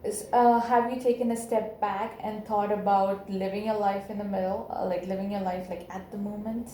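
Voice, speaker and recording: In a role-played counseling session, a woman acting as the counselor asks hesitant, searching questions in a mellow, mid-range voice with fairly even intonation and normal pace. The recording is echoey, carrying slight hiss or hum.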